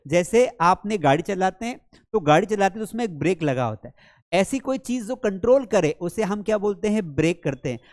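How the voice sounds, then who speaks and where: A man teaching English vocabulary in a lesson, calling students beta and reading English example sentences slowly. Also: sits high, darkish tone, dry recording, studio quality. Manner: calls listeners beta, slows right down for English example sentences. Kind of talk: classroom lesson explaining words.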